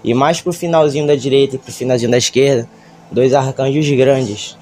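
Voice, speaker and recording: A man with a Brazilian Portuguese accent giving a church testimony, nervous, halting and stammering as he retells it with feeling. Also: medium pitch, steady tone, dark tone, slight background noise.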